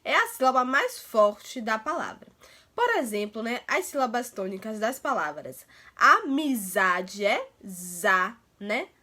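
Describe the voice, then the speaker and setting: A woman teacher with a Brazilian accent, her voice sitting a little high and sounding bright and clear. She explains a lesson to children in an affectionate, patient way, drawing words out slowly and adding small check-ins to keep them with her. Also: very animated. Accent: Brazilian Portuguese. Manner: affectionate, tags nearly every phrase with "né" and "tá"; slows to stretch out words and syllables. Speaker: primary school teacher. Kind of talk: recorded Portuguese grammar lesson for children.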